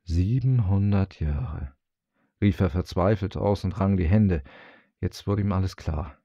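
A man reads old fairy tales aloud with expressive storybook narration that rises at dramatic moments. His voice is low, dark and creaky. It is heard in a dry, dull lo-fi recording. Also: normal speed, dry recording. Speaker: audiobook reader.

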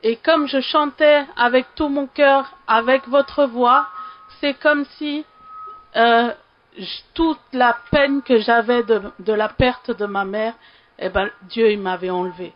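A woman's voice: a little high, steady tone, slow pace, highs cut off, soft background music. A woman from Sri Lanka giving a heartfelt testimony in a church hall, faltering a little at emotional moments.

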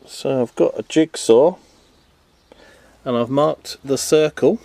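Speaking slowly in a creaky, warm, mid-range voice on a dry recording, a boat renovation vlogger rambles through his work. He films outdoors in his garden workshop on a handheld camera, keeping the how-to chatty, self-mocking and heavy on ums.

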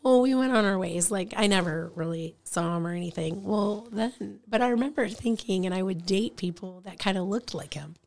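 A woman's voice: mid-range voice, normal speed, few pauses. Chatty woman telling a story. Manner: chatty, animated storyteller with many fillers. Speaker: guest, insurance agency owner. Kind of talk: casual storytelling interview. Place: radio studio.

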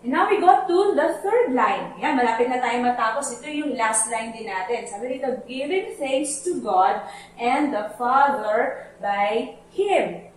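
A woman's voice: on the high side, animated, measured pace, a little hiss or hum. A Filipino woman teaching a children's Sunday school lesson, explaining a Bible verse patiently in mixed Tagalog and English and singing its lines to teach the tune. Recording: echoey, from a distance, with faint music.

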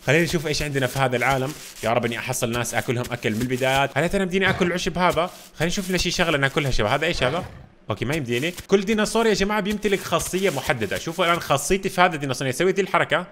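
A man rattling off let's-play commentary at breakneck speed, excitable and chatty with his viewers. His voice sits a little higher than most men's. A faint hiss runs underneath. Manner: excitable, constantly talking to viewers as "guys". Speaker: gaming channel host.

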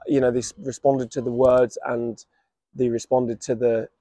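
A man in his thirties with an English accent, a football manager giving a measured, reflective post-match interview outdoors at a stadium. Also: medium pitch, little pitch movement, dark tone, no room sound. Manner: reflective, measured, many restarts. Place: outdoors by a stadium running track. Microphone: camera at standing distance.

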